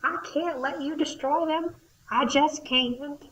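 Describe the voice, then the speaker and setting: A woman's voice: high voice, slow pace, fairly bright tone, dull audio, a little hiss or hum. A woman voicing a sweet, frail old woman who speaks tenderly in an amateur audio drama. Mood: wistful. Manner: tender, heartfelt storytelling.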